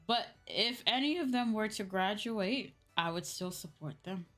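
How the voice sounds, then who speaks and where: Over faint background music, a woman with a medium-pitched, fairly bright voice chats casually with her livestream audience. The VTuber host keeps a measured pace and lively intonation, explaining informally, repeating herself, and often checking in with "right?".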